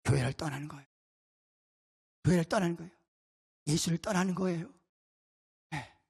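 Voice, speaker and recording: A man's voice: fairly high pitch, normal speed, gravelly, darkish tone, slightly rough, big-room sound. A male pastor delivering a sermon in an emphatic way, putting rhetorical questions to his congregation.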